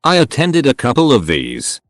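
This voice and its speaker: A man reading out short first-person stories as scripted narration, with an animated storytelling delivery. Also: medium pitch, normal speed, dry recording.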